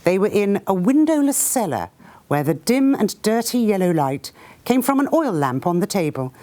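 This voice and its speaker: Lively woman author reading aloud. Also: mid-range voice. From Britain. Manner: lively storyteller who acts out sounds and voices. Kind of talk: reading aloud then talking to an audience. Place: talk before a live audience.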